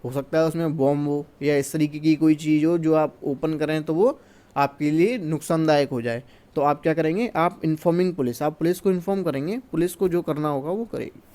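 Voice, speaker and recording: A man from India goes through exam questions as a teacher. He reads each English question slowly and then explains it in Hindi. His voice sits slightly high and sounds mellow and soft.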